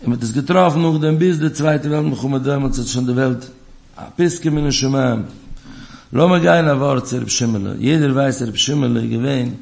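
A man giving a spoken religious lesson, emphatic, repeating his key words as his pitch rises and drops sharply. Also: fairly quick, gravelly, a little mellow. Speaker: religious teacher. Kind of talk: spoken Torah talk.

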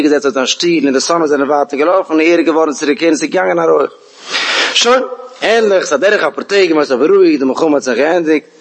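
Animated storytelling man, higher voice. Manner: animated, repeats words, voices the figures' speech. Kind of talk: telling a folk tale.

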